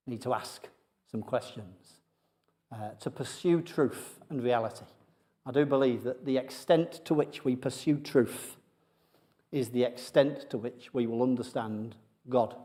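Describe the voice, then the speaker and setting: A man giving a conversational sermon to a congregation, joking about himself and often pausing with fillers. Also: mid-range voice, warm tone. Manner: humorous, self-deprecating, many fillers. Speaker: preacher. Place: church sanctuary with congregation.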